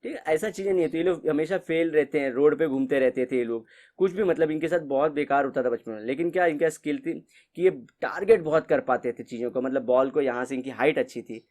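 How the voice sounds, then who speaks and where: A man's voice: on the high side, fast, a little mellow. A man teaching a class in a casual, conversational way, mixing English phrases into his explanations. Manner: conversational, mixes English phrases, repeats ठीक है.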